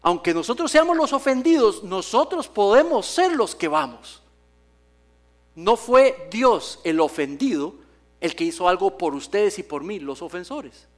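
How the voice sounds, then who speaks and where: A man's voice: sits high, very animated, a little slow. A male pastor preaching a sermon in a church, telling stories with humor and acting out the voices he quotes. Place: church sanctuary.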